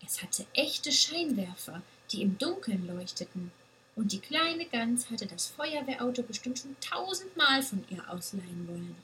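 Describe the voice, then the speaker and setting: A woman reading a children's story aloud with a gentle, expressive manner. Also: a little high, unhurried, slight background noise, poor audio.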